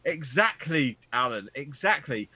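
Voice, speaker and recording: A man's voice: mid-range voice, very animated, a little slow, bright, forceful tone, slight background noise. A man in casual, teasing banter with fellow veterans, swearing freely. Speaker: podcast co-host.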